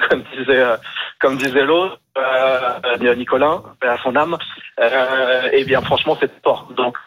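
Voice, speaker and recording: A man's voice: mid-range voice, fairly even intonation, slow, fairly bright tone. A man phoning in to a sports radio show as a supporter, talking with hesitant fillers. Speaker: caller, football supporter. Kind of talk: phone-in call on sports radio. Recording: dull lo-fi phone line.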